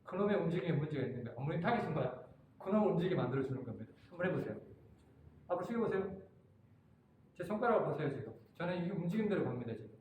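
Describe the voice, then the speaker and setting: High-voiced man coaching in echoey room. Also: sing-song, very fast, a little mellow. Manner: directive, coaching volunteers. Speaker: instructor. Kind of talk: hands-on workshop demonstration. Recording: very echoey room, faint room noise.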